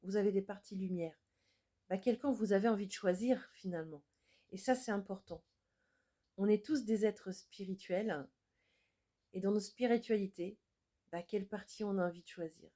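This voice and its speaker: A woman's voice: mid-range voice, normal speed, pauses often, warm tone. A woman working as an energy healer, speaking to viewers in an earnest, reflective improvised monologue. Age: adult with children.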